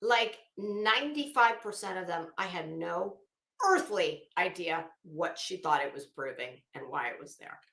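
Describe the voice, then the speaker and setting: Her voice sits fairly low, expressive and a little slow, with vocal fry and a bright, forceful tone. As an online commentator, she gives a dramatic reading of a legal motion, layering in sarcastic, taunting, emphatic jabs and blunt swearing. Echo fills the room.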